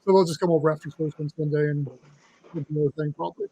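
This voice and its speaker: High-voiced man rambling on a podcast. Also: steady tone, rapid-fire, warm tone, husky, lo-fi sound. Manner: rambling, with many fillers and restarts. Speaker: podcast co-host leading the show. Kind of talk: casual chat.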